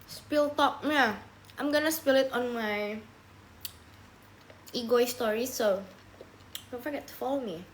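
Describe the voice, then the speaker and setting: A young woman from Papua, Indonesia, chats casually on a livestream in a fairly high voice, speaking slowly and pausing often, with a little hiss or hum in the audio. Relaxed and talkative, she reads viewers' comments and answers their questions as she goes, slipping English phrases into her speech.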